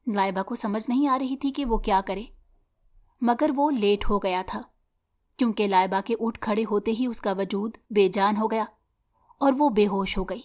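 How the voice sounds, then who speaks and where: Woman reading a drama novel out loud, steady storyteller voice. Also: mid-range voice. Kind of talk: scripted narration.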